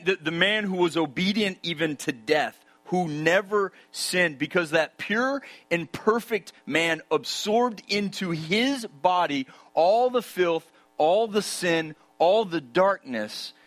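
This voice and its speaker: A man preaching with a slightly high-pitched voice. He leans on rhetorical questions and drives his points home with emphasis. At key moments he drops into a hushed tone. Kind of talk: sermon.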